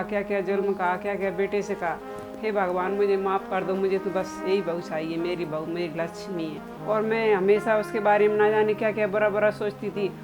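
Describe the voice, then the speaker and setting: A woman playing a remorseful older mother-in-law in an amateur short film, speaking in a pleading way. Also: lightly acted. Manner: pleading, with flat pitch. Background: background music.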